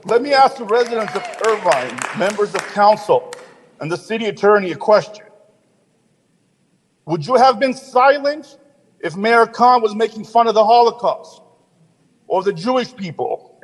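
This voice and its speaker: A man's voice: high voice, animated, normal speed, long pauses, breathy edge. A man giving a public comment at a city council meeting, indignant and firing off rhetorical questions. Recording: long hall reverb.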